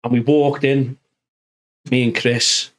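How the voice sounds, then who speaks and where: A man's voice: medium pitch, level tone, slow pace. A man with a northern English accent chatting casually as a podcast host, in a rambling, matey, sweary way. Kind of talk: casual chat, telling anecdotes.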